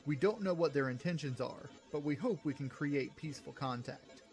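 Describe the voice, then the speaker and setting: A man's voice: a little high, normal speed, a little mellow, faint music behind, lightly acted. A man voicing a tense military commander in a narrated sci-fi story. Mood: formal.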